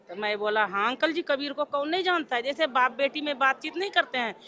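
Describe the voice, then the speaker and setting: A woman's voice: sits high, bright, forceful tone. A woman giving a devotional testimony, telling her own story and acting out the remembered dialogue in quoted voices.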